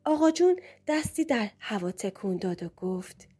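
A woman narrating a story in the first person with an expressive telling. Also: medium pitch, slightly rough, soft background music.

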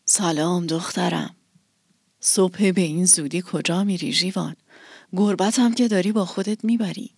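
A gentle old village elder, as a woman reading a storybook puts him on, speaking low and soft with tender warmth. The sound is close and dry, with no room around it. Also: husky, dry recording. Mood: kindly.

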